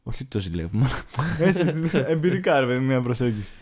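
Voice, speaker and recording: A man co-hosting a comedy podcast, chatting casually and halting often with restarts. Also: medium pitch, sing-song, a little mellow. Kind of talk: casual chat.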